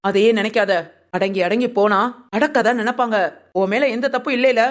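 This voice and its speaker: An outspoken, loyal neighbor woman in a family cartoon, voiced by a woman. She gives firm advice at a quick pace in a slightly high voice. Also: lightly acted. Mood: urgent. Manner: outspoken, advising. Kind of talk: cartoon voice acting.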